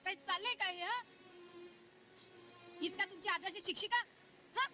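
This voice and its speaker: An actress playing a prim school inspector who takes offence easily. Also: female voice, extremely high pitch, moderate pace, over music. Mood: outraged.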